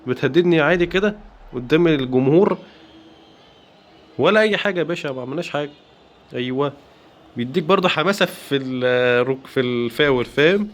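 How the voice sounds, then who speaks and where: Fast-talking Egyptian man commentating gameplay. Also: a little high. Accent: Egyptian Arabic. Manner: excited, playful, exclaiming. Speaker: gaming YouTuber.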